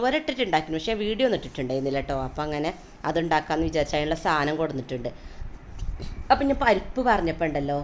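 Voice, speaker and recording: A young mother talks through her day in a quick, homely, chatty voice-over. Her voice sits low for a woman. A faint room ambience hums underneath. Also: a little hiss or hum. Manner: chatty, homely, with frequent tag words. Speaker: vlogger, mother. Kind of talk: casual day-in-my-life voice-over.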